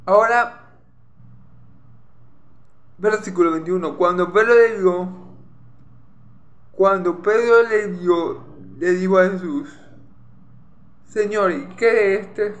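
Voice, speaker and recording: A man's voice: high voice, slow pace, pauses often. A man from Venezuela with a Maracaibo accent, teaching a Bible passage verse by verse, explaining and repeating phrases and checking in with "ok?". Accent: Maracaibo Venezuelan Spanish. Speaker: preacher. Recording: echoey room with faint ambient noise.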